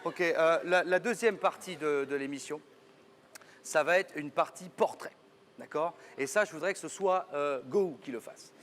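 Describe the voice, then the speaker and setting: Bright, high-pitched man in a stage sketch. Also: normal speed. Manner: hesitant and rambling, then bursts into furious yelling. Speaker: sketch partner who plays the show's presenter. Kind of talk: comic sketch dialogue.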